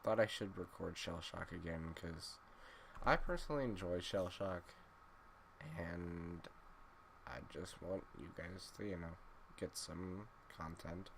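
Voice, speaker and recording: A drowsy man with a deep, low voice talks through a game in an unhurried, slow drawl. His commentary is wry and casual, full of mumbled asides, and he sounds sleepy, as if he has just woken up. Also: vocal fry, a bit bright, slight background noise. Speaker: gaming YouTuber.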